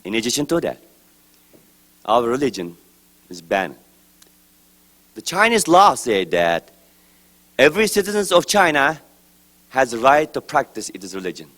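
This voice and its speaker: This East Turkestani man reads a formal prepared speech at a press event with big pitch swings in a mid-range, fairly bright voice. He goes slowly and emphatically, with phrases that tail off at the ends.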